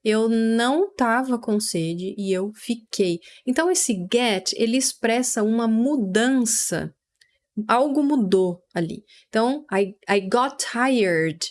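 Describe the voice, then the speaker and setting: Slow, patient Brazilian woman teaching English. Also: on the high side, animated, darkish tone. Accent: Brazilian Portuguese. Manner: patient, repeats words slowly for pronunciation. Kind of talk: explaining English vocabulary in Portuguese.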